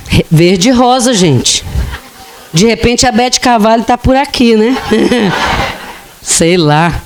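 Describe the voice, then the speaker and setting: Slow, unhurried woman spiritist lecturer. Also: mid-range voice. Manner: slow, humorous storytelling with acted-out quotes. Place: lecture hall of a spiritist center.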